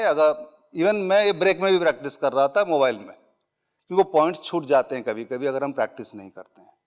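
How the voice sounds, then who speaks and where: This middle-aged man speaks in a fairly high pitch as he runs a conversational public speaking workshop for a live audience. He slips English phrases into his talk and uses everyday examples to make his points.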